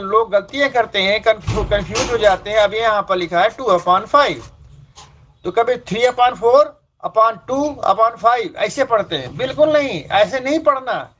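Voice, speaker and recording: A man's voice: high-pitched, a bit bright. A man teaching fractions in a classroom lecture, explaining step by step and repeating key points. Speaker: math teacher. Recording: dull lo-fi sound.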